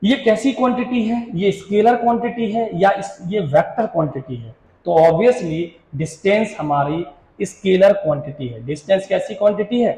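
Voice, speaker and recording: A man teaching a physics class, slowly repeating definitions and quizzing students, mixing in English terms. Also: high voice, mellow, echoey room, rough recording. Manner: mixes Hindi with English terms. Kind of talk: classroom lecture.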